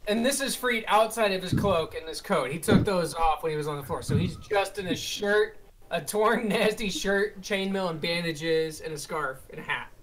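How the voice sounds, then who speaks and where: Guy with a high voice rambling about his character. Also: moderate pace, background noise. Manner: rambling, descriptive. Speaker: player. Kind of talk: casual tabletop game narration.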